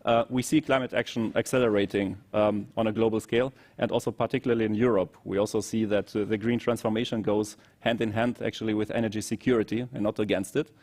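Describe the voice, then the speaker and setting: German-accented consultant, low voice. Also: male voice, fairly even intonation, a little mellow. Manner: measured, analytical, with frequent fillers. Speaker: consultant guest expert on climate and energy. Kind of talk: expert briefing in conversation.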